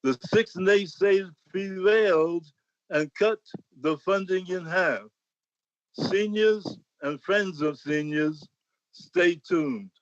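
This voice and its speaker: A man giving a public comment over a bad video call connection, reading a prepared statement slowly and deliberately. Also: sits high. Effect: bad connection, audio breaking up. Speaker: public commenter, senior advocate. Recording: muffled, breaking-up video call audio.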